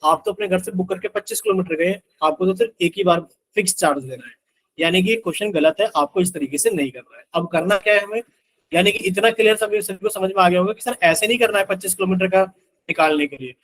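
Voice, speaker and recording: A man with a high voice teaches a live online math lesson. He works through the problem step by step and keeps stopping to ask the students whether it is clear. It sounds like a video-call class. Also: quick pace, a bit bright, rough recording.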